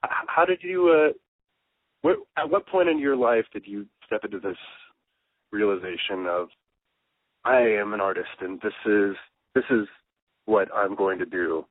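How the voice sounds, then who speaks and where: A male interviewer with a lowish voice asks casual questions, stopping and restarting mid-sentence as he feels his way. His voice is dry and close, with no room sound, and comes through a narrow, phone-like band. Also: expressive, unhurried, pauses often, husky, no room sound.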